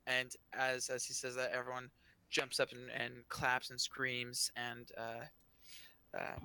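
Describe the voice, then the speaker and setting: A man narrating as game master of a tabletop game, in a halting, hesitant way. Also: medium pitch, completely flat delivery, creaky, pushed and bright, clean tone, no room sound.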